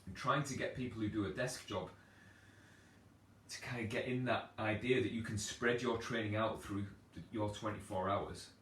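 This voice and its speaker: A man's voice: on the low side, steady tone, moderate pace, a bit bright. A man working as a personal trainer, giving rambling, chatty advice in a casual live Q&A from his sofa. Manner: rambling, chatty and self-deprecating. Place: at home on a sofa. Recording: echoey room, distant from mic, faint background noise.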